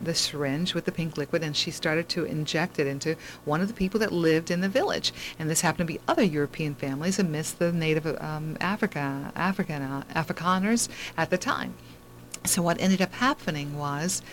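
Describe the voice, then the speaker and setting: A woman's voice: sits low, a little hiss or hum. A woman hosting a talk show, telling a long story in a rambling way with many fillers and restarts. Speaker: host.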